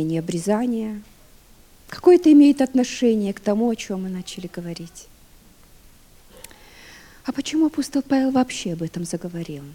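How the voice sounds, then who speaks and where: Woman, 50s, preacher; dark, husky voice, dynamic sermon delivery that drops to near-whispers. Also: fairly high pitch. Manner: dynamic, swinging from loud emphasis to hushed near-whispers; asks the congregation rhetorical questions.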